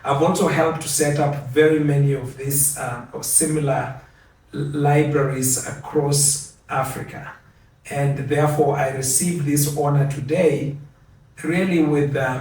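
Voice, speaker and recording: An older man from Kenya giving a measured, earnest acceptance speech, repeating key phrases for emphasis. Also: on the high side, darkish tone. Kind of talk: formal speech. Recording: very echoey, from a distance.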